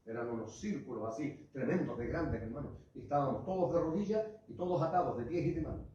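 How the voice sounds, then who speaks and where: Pastor guy preaching hard, loud then quiet, big echoey hall, sounds far off and kinda muffled. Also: animated, fast talker, slight background noise. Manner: impassioned preaching, swings from loud cries to low asides; addresses the congregation as "hermano" and "iglesia". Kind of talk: sermon.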